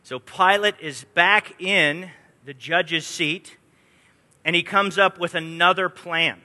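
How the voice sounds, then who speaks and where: Bright-voiced man teaching Bible study. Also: sits high, slow pace. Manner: casual storytelling, acting out quotes. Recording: long hall reverb.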